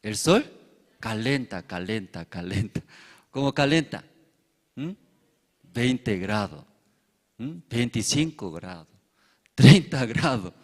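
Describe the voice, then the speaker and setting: A man's voice: fairly low pitch, big pitch swings, takes it slowly, pauses often, big-room sound. A man preaching as a pastor, telling a fable and checking with his congregation through constant tag questions. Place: church hall.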